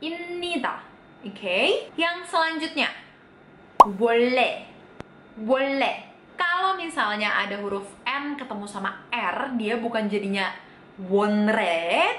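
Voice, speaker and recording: A woman giving a casual video lesson on reading Korean, asking the viewer questions and repeating each word slowly. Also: mid-range voice, bright, forceful tone, echoey room, a little hiss or hum. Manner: chatty, asks the viewer questions and answers them. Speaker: Korean language teacher.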